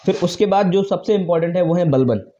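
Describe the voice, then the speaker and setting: A man's voice: high-pitched, a little fast, dark tone. A man teaching an exam-prep lesson in a casual spoken way, tagging nearly every phrase with "theek hai" and answering his own questions. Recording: dull lo-fi recording.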